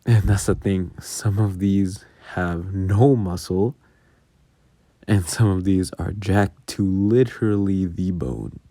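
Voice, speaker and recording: This man's deep, dark-toned voice comes through with no room sound as he talks casually near the mic. He's an audio creator sharing informal, halting, self-deprecating commentary from behind the scenes.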